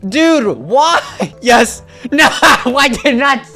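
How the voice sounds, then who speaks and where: A woman gamer chatting excitedly with friends, screaming and exclaiming as she plays. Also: high voice, drawn-out words. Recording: loud game music behind voice.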